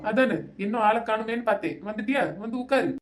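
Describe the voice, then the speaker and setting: Lady doing a cheeky daughter-in-law, talks super fast, high and snappy. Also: fairly even intonation, very noisy, lightly acted. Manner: snappy, sarcastic. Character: sharp-tongued young daughter-in-law, cheeky. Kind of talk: comedy skit.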